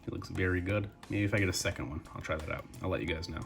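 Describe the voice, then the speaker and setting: Faint music plays behind a young man rattling off a toy review in a low, rapid-fire voice with vocal fry. Congested and mouth-breathing, he stays relaxed and chatty, calling viewers "guys."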